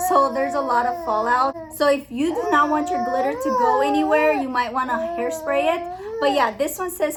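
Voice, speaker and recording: A young woman with a notably high voice talks through her shopping haul. She is chatty and gushing, with a casual, friendly pace. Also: heavy background noise. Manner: chatty, enthusiastic, giggly over a tongue-twister. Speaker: haul vlogger. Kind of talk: casual haul video chat.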